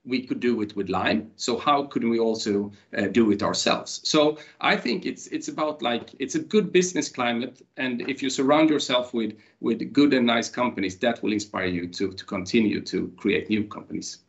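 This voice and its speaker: A man speaking as an executive in an unscripted panel discussion, halting and repeating words. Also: medium pitch. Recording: dull lo-fi sound.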